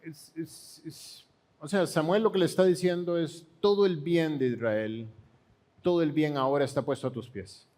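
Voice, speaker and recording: A man with a Panamanian accent answering Bible questions in a steady, explanatory way, with occasional restarts. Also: fairly high pitch, normal speed. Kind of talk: church Bible Q&A teaching.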